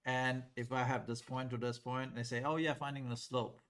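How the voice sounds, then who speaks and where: A middle-aged man from Taiwan teaching a math class in a classroom, lively and asking the class questions. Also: mid-range voice, normal speed, clear, resonant tone. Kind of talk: classroom lecture at a whiteboard.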